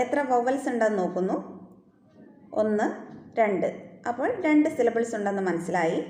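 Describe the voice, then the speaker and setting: A woman teaching a phonetics lesson, explaining step by step and stretching out example words slowly. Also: mid-range voice, darkish tone, roomy sound.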